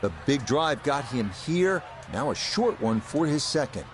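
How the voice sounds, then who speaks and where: A man acting as a golf commentator for a video game, composed and informative. His voice sits at a middle pitch, with clear outdoor ambience behind it. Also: lively intonation, unhurried, noisy background, close to an everyday voice. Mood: composed, approving. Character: composed male lead golf broadcaster, measured and informative.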